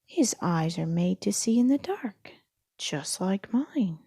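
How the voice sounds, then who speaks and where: Knowing owl for a storybook , female reader: friendly, calm, explanatory, creaky and unhurried. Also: medium pitch, no echo, clean studio sound, heavily acted. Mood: matter-of-fact. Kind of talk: storybook read-aloud.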